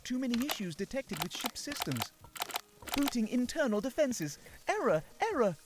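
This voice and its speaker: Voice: medium pitch, big pitch swings, normal speed, background noise, lightly acted. A performer voicing a polite ship AI robot in a video game that is glitching and stuck repeating error messages. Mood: malfunctioning. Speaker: in-game assistant. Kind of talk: scripted video game voice lines.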